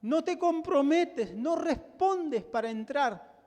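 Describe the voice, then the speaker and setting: A man's voice: very high voice, animated, slow pace, darkish tone. A male pastor with a Rioplatense Spanish accent preaching a sermon, emphatic and full of rhetorical questions to the congregation. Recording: long hall reverb.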